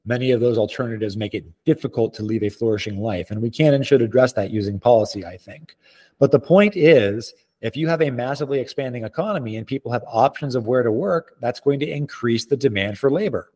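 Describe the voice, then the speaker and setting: A man speaking as an expert interview guest, explaining in articulate, measured, formal phrasing. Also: medium pitch, mellow.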